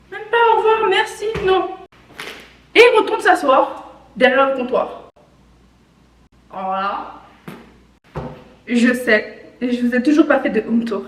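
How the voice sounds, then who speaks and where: A woman's voice: on the high side, echoey room, far from the mic. A young woman from France with a slight lisp, chatting casually and mocking herself in a vlog. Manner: chatty, self-mocking, mixes in English words. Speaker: vlogger.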